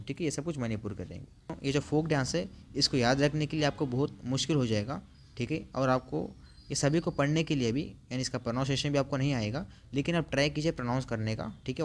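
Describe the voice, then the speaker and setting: A man teaching an online class, running through long lists and slowing down to sound out hard names. His voice sits at an ordinary middle pitch, and a faint hiss sits under it. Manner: reads out lists, adds frequent "theek hai" fillers; slows down to spell out hard names.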